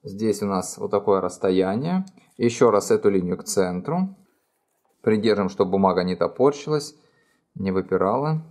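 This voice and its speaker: A middle-aged man calmly explaining each fold in a step-by-step origami tutorial, recorded indoors at a table. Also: on the low side, moderate pace. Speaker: origami instructor. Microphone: overhead camera framing hands only.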